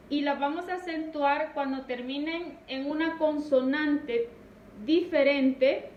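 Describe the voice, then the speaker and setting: Woman teacher for a lesson, unhurried delivery, stressed syllables, recorded from a distance in a faintly noisy room. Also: sits high, lo-fi sound. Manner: slow, deliberate, stresses syllables. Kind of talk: classroom grammar lesson. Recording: echoey room, distant mic, faint noise.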